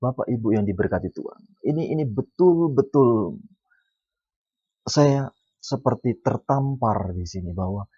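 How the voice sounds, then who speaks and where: Man, sermon, animated preaching, middle pitch, dull lo-fi recording. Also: a little slow, pauses often, slightly rough. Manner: animated, swings from soft asides to loud emphatic lines. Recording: dull lo-fi sound.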